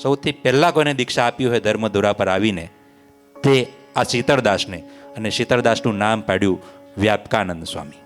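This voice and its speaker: A man's voice: fairly low pitch, a little fast, faint music behind. A man narrating a devotional story as a religious storyteller, repeating phrases in a sing-song way.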